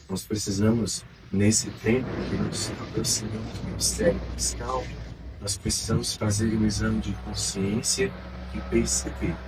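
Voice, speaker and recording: A Brazilian priest with a Brazilian Portuguese accent preaches a homily at Mass in church, earnestly exhorting his listeners and asking rhetorical questions. His male voice is low and sounds distant, picked up by a far-off mic with background noise.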